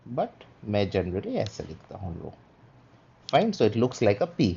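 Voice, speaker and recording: Guy teaching greek letters on a stream, slow and patient, lowish voice, kinda muffled lo-fi audio. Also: a little mellow. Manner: patient, repeats "ठीक है" to check understanding; mixes Hindi with English phrases. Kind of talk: livestreamed lesson.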